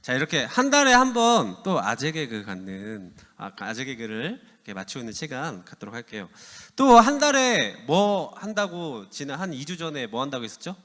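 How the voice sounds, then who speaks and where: A man's voice: mid-range voice, huge pitch swings, moderate pace, hardly any pauses, bright, forceful tone. A man in his thirties, a youth pastor giving a playful, casual sermon that asks the teens questions. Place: church hall. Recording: long hall reverb.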